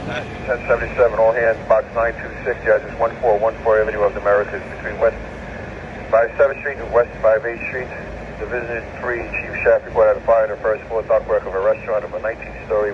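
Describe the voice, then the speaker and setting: Fire officer reading a formal radio report, muffled, noisy street. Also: male voice, fairly low pitch, little pitch movement, a little fast.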